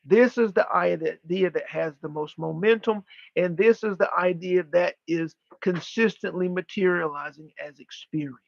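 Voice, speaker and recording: A man channeling spiritual teachings like a seance medium, speaking as a guide in deliberate, formal, emphatic phrases with pauses and repetition, on a muffled recording. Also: high voice, creaky, no room sound. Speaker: channeler leading a live spiritual session.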